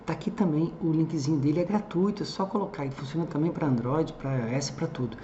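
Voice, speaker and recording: Male teacher, screen tutorial, mellow voice, echoey room. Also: on the high side, fast talker, lo-fi sound. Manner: explains step by step with frequent "tá?" check-ins. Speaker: English teacher. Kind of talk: screen-recorded tutorial narration. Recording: echoey room with faint background noise.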